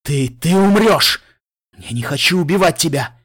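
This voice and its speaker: A man's voice: a little high, expressive, normal speed, a bit bright, husky, voice pushed up. A man reading a fan audiobook, voicing a huge, wounded young male dragon who pleads in alarm. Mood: distraught.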